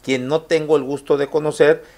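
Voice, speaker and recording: A man's voice: fairly high pitch, little pitch movement, moderate pace, a little mellow. A man hosting a live talk show, reading viewer comments aloud in a casual, joking way. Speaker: host.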